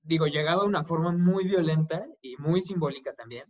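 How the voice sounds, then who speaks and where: A man with a Mexican accent talks through a film in loose, slangy, swear-heavy chat. His voice sits a bit high, and the recording sounds dull and lo-fi. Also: fairly quick. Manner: relaxed, slangy, peppered with swearing. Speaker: podcast co-host. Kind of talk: casual film discussion.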